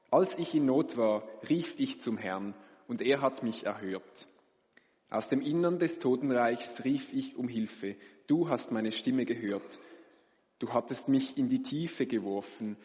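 A man reading scripture aloud in a slow, even, solemn manner. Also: mid-range voice. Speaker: scripture reader. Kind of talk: liturgical Bible reading. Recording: reverberant hall, dull lo-fi sound.

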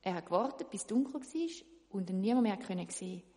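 A woman tells a children's story lively, speaking straight to her young listeners. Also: medium pitch, a little fast. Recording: long reverb.

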